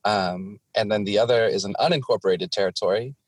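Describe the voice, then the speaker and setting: A man from the Pacific Northwest of the United States speaking as a guest artist in an interview, explaining things in a deliberate, measured way. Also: lowish voice, no echo. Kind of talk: interview talk with self-introduction.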